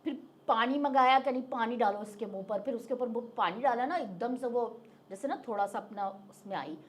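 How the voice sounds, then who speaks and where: A woman's voice: fairly high pitch, a little fast, a little hiss or hum. A middle-aged woman recounting a personal experience in casual, vivid detail as an interview guest. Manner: vivid, detailed retelling with acted-out quotes. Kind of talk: casual spoken storytelling.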